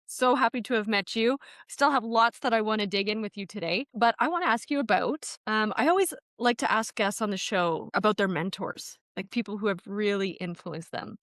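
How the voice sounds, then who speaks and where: A woman's voice: mid-range voice, fairly bright tone, no room sound, clean studio sound. Affirming woman podcast host. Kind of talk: casual interview chat.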